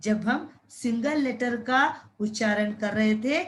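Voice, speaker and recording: A woman leads young children through a phonics lesson at an exceptionally slow pace. She draws out each syllable and says every word several times over, and her voice sits a little above the usual pitch. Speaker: primary school Hindi teacher.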